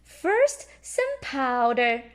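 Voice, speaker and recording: A woman voicing an excited, bossy little girl piglet who plays at being grown-up in a children's storybook. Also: sits high, extremely slow, smooth, heavily acted. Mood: self-important. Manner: exclamatory, play-acting importance.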